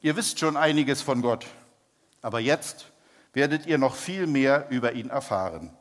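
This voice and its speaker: A man preaching and telling a testimony story, speaking in a measured way and slowing down for emphasis. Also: medium pitch, expressive. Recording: long reverb, hall.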